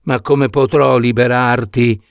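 A man's voice: medium pitch, steady tone, measured pace, gravelly, dry recording, studio quality. A man voicing a poor, kind young courier who asks anxious questions.

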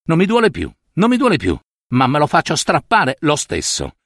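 A man voicing a middle-aged male notary in pain, gruff and prone to furious outbursts. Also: on the low side, big pitch swings, measured pace, no echo, studio quality.

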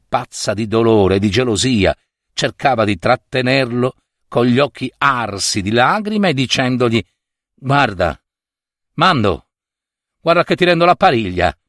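A man reading a literary short story aloud in an expressive, dramatic narrating style on a close mic. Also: medium pitch, dry recording. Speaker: audiobook reader.

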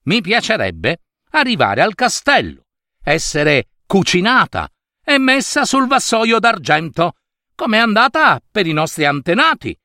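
A man's voice: high-pitched, a little slow, no room sound, studio quality, voice pushed up, heavily acted. A man voicing an eager, impulsive older mother snail in a storybook reading. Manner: excited, wistful.

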